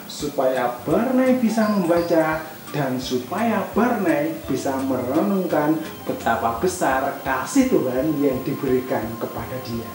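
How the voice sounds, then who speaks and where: A woman with a fairly low voice tells a Bible story to children, pausing to ask them simple questions. Her voice echoes strongly around the room. Soft music plays behind her. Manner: gentle, asks the children questions.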